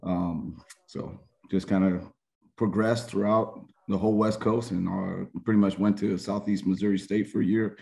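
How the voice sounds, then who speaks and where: A middle-aged football coach from Hawaii speaks over a home webcam in a deep, dark voice. He stays level and steady, plain-spoken and earnest as he talks about his career. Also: normal speed, gravelly. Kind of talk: self-introduction on a video call. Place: home room indoors. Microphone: video call webcam.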